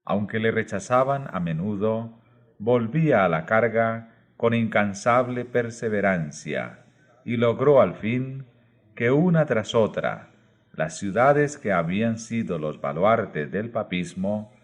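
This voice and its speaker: A man narrating a religious book aloud, reading in slow, measured short phrases. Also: on the low side. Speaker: audiobook narrator.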